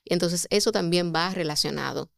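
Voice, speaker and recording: A woman, a communication mentor, explaining sales techniques as a podcast guest with expressive delivery and rhetorical questions. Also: lowish voice, normal speed, vocal fry, no echo, clean studio sound.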